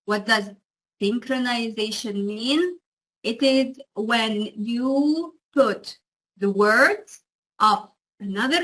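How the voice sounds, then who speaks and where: A woman with a fairly high, fairly bright voice gives an explanatory lecture to students, checking in with her listeners frequently. The audio quality is poor.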